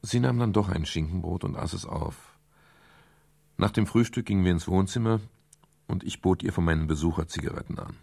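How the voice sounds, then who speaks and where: A male actor voices a world-weary private detective in a German crime radio play, narrating his case in the first person and speaking dialogue. His low, gravelly, husky voice is a little mellow, and his wry, measured delivery has a reflective mood.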